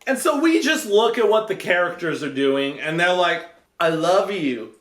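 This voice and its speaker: A man's voice: high voice, sing-song, moderate pace, a bit bright. A man giving a rambling, comedic film review to camera, sounding drunk and repeating himself. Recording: echoey room.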